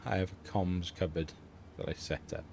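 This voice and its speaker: A man's voice: deep voice, fairly even intonation, normal speed, gravelly, a little mellow, a little hiss or hum. A middle-aged man hosting a livestream from home, chatting in a rambling, easygoing way and laughing often. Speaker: livestream host. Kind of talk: casual livestream chat.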